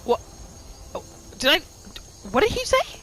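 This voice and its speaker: With a very high-pitched voice and a measured pace, a woman playfully narrates her roleplay gameplay, talking to herself and the game expressively. Game music runs in the background, along with a little hiss or hum.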